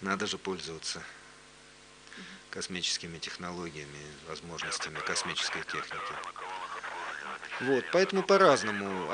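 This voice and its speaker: A man speaking as an expert guest, giving matter-of-fact explanations in unscripted live commentary. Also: low voice. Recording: faint hum and background noise.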